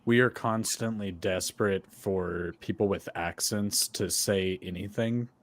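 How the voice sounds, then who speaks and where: A man's voice: sits low, fairly even intonation, unhurried. Laid-back American man telling stories. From United States. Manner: loose, slangy storyteller, laughs often. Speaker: podcast co-host. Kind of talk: casual chat.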